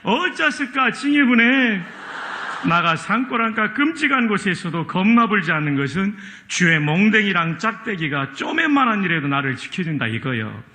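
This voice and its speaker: A pastor reading a psalm in a put-on Jeolla dialect, with drawn-out exclamations and laughter. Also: male voice, sits high, big pitch swings, pushed and bright, pitched above the performer's own voice, heavily acted. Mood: exuberant. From Chungcheong, Korea.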